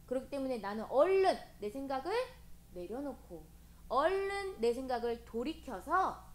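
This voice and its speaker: A woman preaching to children, animated and gently coaxing, often asking them questions. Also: sits high, normal speed. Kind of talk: children's sermon. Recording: echoey room with faint hiss.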